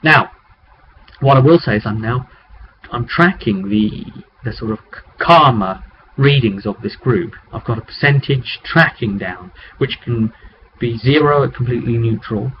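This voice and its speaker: A British game master with a mid-range voice and lively intonation chattily recaps a tabletop roleplaying session, speaking a little slowly. It's an informal vlog with asides to the viewer, recorded on a webcam microphone that sounds muffled and clearly noisy.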